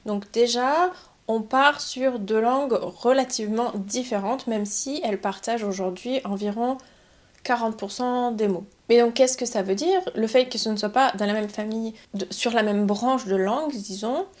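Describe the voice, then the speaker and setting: A young adult woman from France, a French teacher calmly explaining step by step in a podcast. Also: fairly high pitch, normal speed. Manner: calm, methodical explaining, building points step by step.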